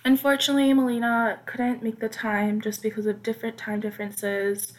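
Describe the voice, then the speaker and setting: A young woman hosting a podcast, rambling casually with many fillers, her throat dry as she talks quietly. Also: a little high, flat delivery, a little fast. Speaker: podcast host.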